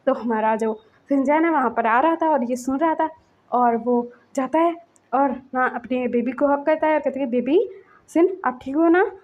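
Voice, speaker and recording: Young female storyteller, casual and chatty, high voice, muffled home recording. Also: normal speed. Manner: chatty, with filler words.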